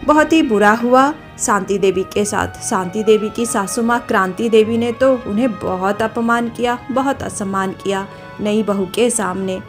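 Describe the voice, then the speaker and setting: A woman narrating a cartoon story with a sympathetic, expressive delivery. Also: mid-range voice, normal speed, soft background music.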